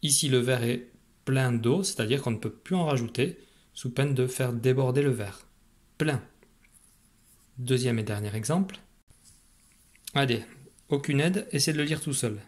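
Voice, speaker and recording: A man's voice: medium pitch, moderate pace, pauses often, darkish tone. A man teaching a phonics lesson to a young child, patient and encouraging, speaking straight to the learner.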